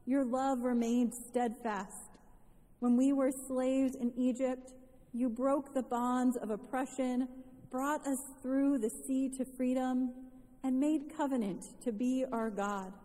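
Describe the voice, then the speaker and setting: A woman pastor with a fairly high, mellow voice recites a eucharistic prayer slowly and deliberately. She is speaking in a large church sanctuary. A long hall echo lingers after each word. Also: fairly even intonation. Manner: slow, solemn, deliberate liturgical delivery. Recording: reverberant church sound, voice from a distance.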